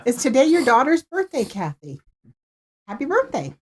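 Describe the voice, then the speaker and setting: A woman's voice: high voice, big pitch swings, normal speed, breathy edge. A woman co-hosting a casual live online show, teasing her partner and chuckling often. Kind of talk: casual live-stream chat.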